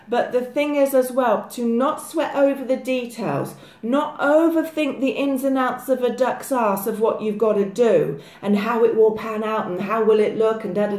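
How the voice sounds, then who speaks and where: A woman delivers a tarot forecast in a brisk, chatty manner, addressing her viewers directly. Her voice sits a little high. The room around her is echoey. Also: a little mellow. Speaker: psychic tarot reader. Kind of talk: weekly tarot forecast to camera.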